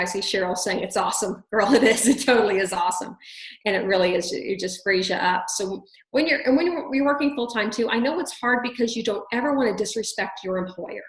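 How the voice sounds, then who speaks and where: A woman giving casual sales tips on a video call, chatty and bubbly, acting out the pitches she quotes. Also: roomy sound, poor audio. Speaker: sales team trainer.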